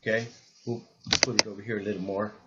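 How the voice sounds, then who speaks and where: An older man with a rambling, halting delivery who repeats words as he talks through supplements, recorded as old camcorder audio. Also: fairly low pitch, flat delivery, noisy background. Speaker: health supplement presenter. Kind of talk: rambling spoken talk.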